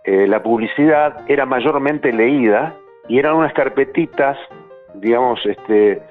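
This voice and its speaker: A male radio announcer recalls and explains things in a conversational way, correcting himself as he goes. He speaks in a mid-range voice at a measured pace over soft background music. The sound is dull, dry and lo-fi.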